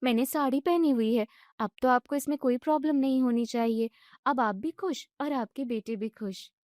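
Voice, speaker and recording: A woman's voice: high-pitched, a little mellow, dry recording, clean studio sound, lightly acted. A woman voicing a frustrated, clever young daughter-in-law in a storybook tale. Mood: sweetly innocent. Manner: exasperated, quick. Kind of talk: storybook narration.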